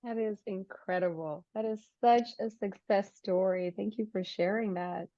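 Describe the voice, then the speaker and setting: A woman with a South African accent hosting a webinar and giving short, warm reactions to the presenter. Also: mid-range voice, fairly even intonation, moderate pace, dry recording. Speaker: webinar host. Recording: dull, lo-fi webinar audio.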